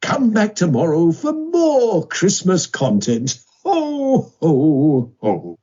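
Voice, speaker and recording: A jolly old Santa with a husky, gravelly voice that swoops wildly up and down. He talks slowly and booms out hearty ho-ho-hos. The sound is muffled and lo-fi, as if it comes from a small smart speaker. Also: huge pitch swings, warm tone, exaggerated voice. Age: older. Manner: hearty, slow, sing-song delivery with big ho-ho-hos. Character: jolly old Santa Claus, booming laugh.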